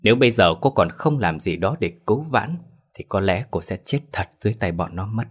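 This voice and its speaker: A man narrating a horror story in a steady, grave storytelling manner. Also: lowish voice, brisk, breathy edge.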